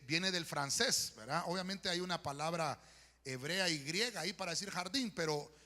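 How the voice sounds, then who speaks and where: Honduran male pastor, high bright voice, preaching with many "eh" fillers and "¿verdad?" checks, reverberant church hall. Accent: Honduran Spanish. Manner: addresses congregation as "hermano", frequent "¿verdad?" and "eh" fillers. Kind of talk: sermon with spoken prayer. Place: church sanctuary.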